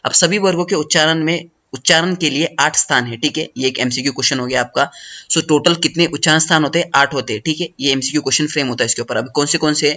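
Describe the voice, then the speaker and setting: A man teaching a study lesson, talking fast and repeating a check-in phrase after each point. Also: a little high, sharp tone. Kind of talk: study lesson explaining notes.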